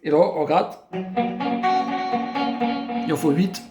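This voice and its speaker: A man teaching guitar, explaining chords step by step and counting beats as he plays. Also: a little high. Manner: slow step-by-step explaining, counting beats and singing snatches while playing. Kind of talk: guitar tutorial. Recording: echoey room with loud guitar.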